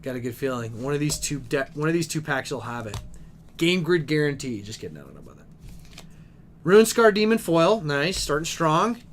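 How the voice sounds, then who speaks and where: A young man with a slightly high voice streams pack openings from a game store, reading each card name aloud and talking to his viewers. He gets excited easily, and his desk mic picks up a faint hum of store ambience. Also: normal speed. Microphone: desk microphone.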